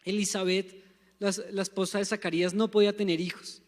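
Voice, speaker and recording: A young man with a Bogotá Colombian accent preaches from the pulpit, his voice sitting unusually high for a man. He speaks emphatically and calls on the congregation to repeat words back. The sound rings with a long church hall reverb. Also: flat delivery, fairly quick. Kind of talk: sermon. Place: church sanctuary.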